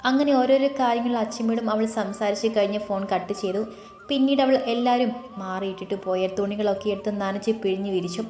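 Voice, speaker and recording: A woman narrating a romance audio story in a steady, unhurried reading voice. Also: mid-range voice, faint music behind. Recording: roomy echo.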